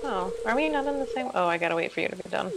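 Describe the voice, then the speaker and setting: Casual woman streamer with gravelly voice. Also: medium pitch, racing, heavy background noise. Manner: relaxed, swears casually, laughs often. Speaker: streamer playing a farming game. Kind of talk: casual gameplay chat.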